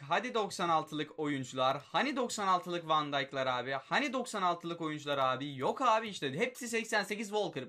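A man's voice: sits high, fairly bright tone. A young man giving live commentary on a mobile game he plays, pleading with it and exasperated at its results.

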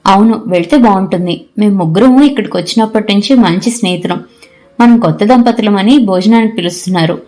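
A woman reading out a gentle, patient young husband in an audio story, in a soft, reassuring manner. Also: mid-range voice, fast talker, natural voice.

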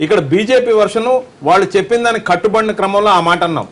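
A man speaking at a very fast clip, his voice sitting unusually high. He argues his side in a televised political debate and presses every party to join forces. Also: a bit bright. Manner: insistent, rapid appeals to all parties.

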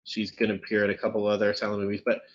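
A man's voice: on the low side, completely flat delivery, very fast, highs cut off. A man co-hosting a casual film review chat over a video call, talking in a dry, sarcastic way. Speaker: podcast co-host reviewing films.

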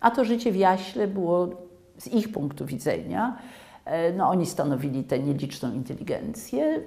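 Low, creaky older woman. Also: sing-song, moderate pace, mellow. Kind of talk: documentary interview reminiscence. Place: quiet living room at a table.

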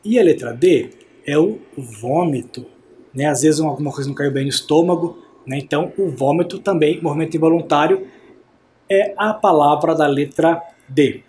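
A man with a slightly high voice leads a recorded science lesson for adults. He talks patiently and clearly, spelling out syllables and stopping to ask if the class follows. A faint hiss sits under the recording. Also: a little mellow. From Brazil. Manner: patient, slow and clear, checks understanding often. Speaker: teacher.

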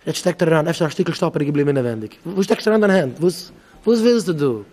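High-voiced rabbi in a reverberant hall. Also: male voice, racing. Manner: animated, acts out back-and-forth dialogues. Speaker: rabbi giving a talk.

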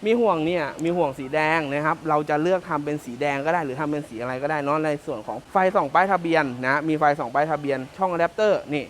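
Talking fast with hardly a pause, a man from Thailand jokes his way around a pickup truck as a salesman, repeating himself often. His voice is fairly high, and there's slight noise in the background.

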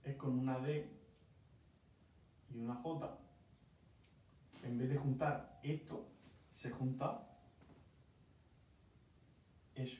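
A man's voice: mid-range voice, steady tone, extremely slow, long pauses, warm tone. A man from Murcia with a Murcian Spanish accent, patiently explaining English pronunciation step by step in a casual one-on-one lesson. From Murcia, Spain. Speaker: English teacher. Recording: very echoey room, mic far off, faint noise.

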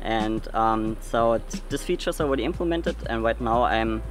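A man in his twenties explaining in an interview in a careful, measured way, recorded by a camera a short distance away. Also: fairly low pitch, soft background music. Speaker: software developer. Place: covered lounge on a sofa.

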